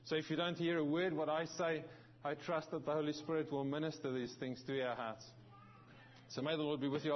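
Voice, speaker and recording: His voice is a little high, and the recording is dull with a faint hiss or hum. This South African man, whose accent has some New Zealand in it, preaches as a visiting pastor, halting often with restarts and fillers.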